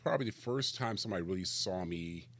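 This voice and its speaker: Man, guest, extremely deep voice, husky, quick talker. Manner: relaxed storytelling about his career. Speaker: guest actor. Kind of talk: casual interview chat. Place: podcast studio.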